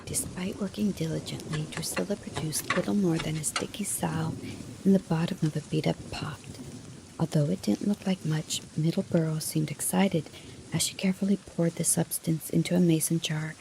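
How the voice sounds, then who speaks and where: A woman telling a bedtime story as a whispered role-play, speaking in a soft, unvoiced whisper. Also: low voice, steady tone, moderate pace, gravelly, noisy background.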